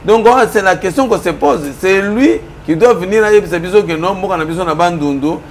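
In a studio interview, a middle-aged political commentator with a Congolese accent presents political arguments, moving between Lingala and French. His slightly high voice is brisk and lands each point with emphasis. He is in a small office room with a faint hum of ambience.

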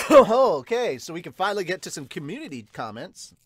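A man in his thirties with a high, sing-song voice talks at a normal speed, casually chatting and reading viewer comments as a manga reviewer and host. He sits in a small home room lined with bookshelves, close to a large desktop mic with a pop filter.

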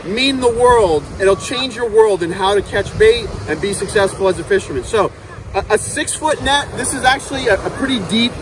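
A man in his thirties, host of a fishing channel, cheerfully demonstrates a cast net on a sandy beach while handling it, calling his viewers "guys" and saying "okay" again and again. He speaks with a high, animated voice at a moderate pace, and beach noise sounds in the background.

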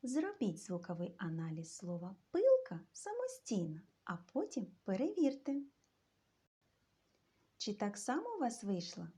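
A woman teaching a children's literacy lesson, speaking to young pupils in a slow, sing-song way. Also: mid-range voice, huge pitch swings, dark tone, slightly rough.

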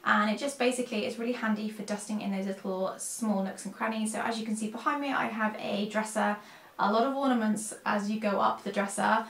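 A woman's voice: medium pitch, steady tone, brisk, fairly bright tone. Chatty woman in an echoey room. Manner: chatty, rambling, self-correcting. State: tired, unwell. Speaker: cleaning vlogger. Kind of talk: casual chatty product haul. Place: room at home with a dresser.

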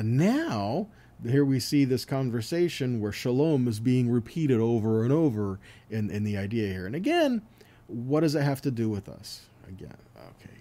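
Reading Bible verses aloud, a man of medium pitch and warm tone explains each one earnestly as he teaches. He keeps checking in with listeners through tags like "okay?" and "right?"

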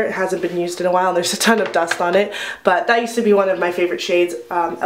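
A young adult woman chatting casually as a beauty vlogger, informal and conversational, in a bathroom with a big echo. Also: medium pitch. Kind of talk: casual chatty video narration. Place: indoors, echoey bathroom.

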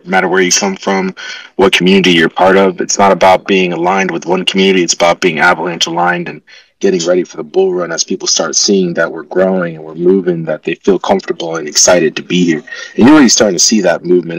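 A man's voice: low voice, gravelly, fairly bright tone, slightly rough, no echo, far from the mic, low-quality recording. A man talking upbeat and enthusiastic in a casual online audio chat, on a headset mic from his office. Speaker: crypto project community member.

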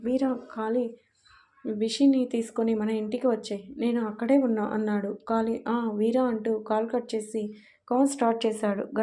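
A woman narrating a romantic audio story, reading every character's lines in her own voice and softening for the tender exchanges. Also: on the high side.

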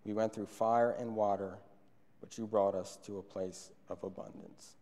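A young man delivers an earnest sermon from behind a pulpit, speaking into a stand microphone. His voice sits fairly low, and he often repeats a phrase to drive it home. The church sanctuary adds a long, trailing reverb to every word. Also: little pitch movement, moderate pace, a little mellow. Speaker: preacher.

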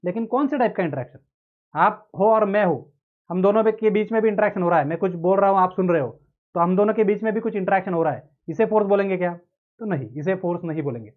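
High-voiced lecturer, tinny audio. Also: male voice, fast talker. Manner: explains with everyday examples, asks questions and answers them himself. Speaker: engineering lecturer. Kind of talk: classroom lecture. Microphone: close mic. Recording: tinny narrow-band audio.

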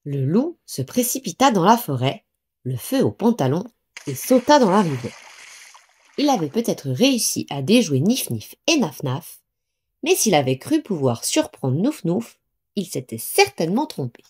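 A woman narrating a children's story in a lively, expressive reading voice. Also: on the low side, moderate pace, slightly rough.

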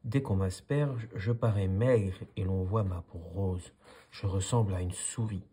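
Moqueuse chatte blanche, lue par un homme. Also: male voice, sits low, unhurried, mellow, husky, exaggerated voice. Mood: mocking. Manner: mocking, dismissive.

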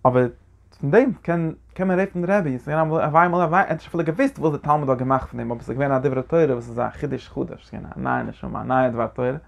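A Torah teacher delivers a religious lecture with animation, frequently restarting sentences and breaking into emphatic bursts. His mid-range voice is fast and gravelly, and the recording sounds muffled.

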